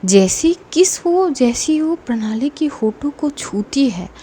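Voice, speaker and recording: A woman narrates a romance story with breathless drama. Her voice is high yet mellow, with faint background noise. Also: expressive, slow pace.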